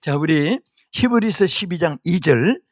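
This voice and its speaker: An older man preaching a sermon as pastor, with emphatic delivery that swings from hushed to shouted. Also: on the high side, expressive, measured pace, dry recording, studio quality. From South Korea.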